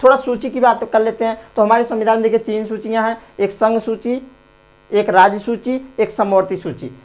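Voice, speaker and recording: A woman's voice: a little high, steady tone, brisk, a little mellow. A woman teaching an exam-prep lesson online. She repeats key points over and over and keeps calling her viewers friends as she walks through quiz questions. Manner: repetitive, drills points, often addresses viewers as friends. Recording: dull lo-fi recording.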